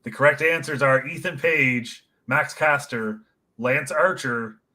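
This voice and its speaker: Bright-voiced man announcing trivia answers. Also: medium pitch, measured pace, rough recording. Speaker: trivia question writer and scorekeeper. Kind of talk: casual chat.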